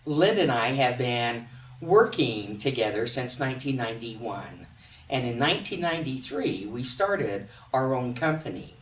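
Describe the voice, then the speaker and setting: A woman presenting a guided imagery program, teaching slowly and deliberately with long pauses. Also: a bass voice, expressive, a little hiss or hum. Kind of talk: slow, calm teaching.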